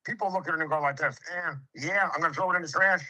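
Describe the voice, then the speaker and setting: A man's voice: fairly high pitch, quick pace, pushed and bright, low-quality recording. Brash streetwise contractor man in his fifties. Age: 50s. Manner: brash, streetwise, lectures with swearing and acted-out quotes. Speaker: home improvement contractor. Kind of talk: casual sales conversation.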